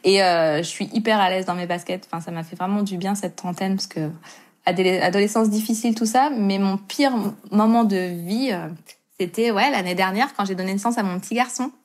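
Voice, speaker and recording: A woman in her thirties talks casually as a guest on a podcast. She is easygoing and hesitant, and she laughs often. Her voice sits at an ordinary middle pitch. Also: brisk. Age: 30s. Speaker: wedding tattoo artist, podcast guest. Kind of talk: casual interview chat.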